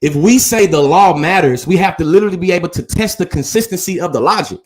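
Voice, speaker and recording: Man, slightly high pitch, earnest, casual debate recap, long reasoned sentences. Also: animated, fast talker.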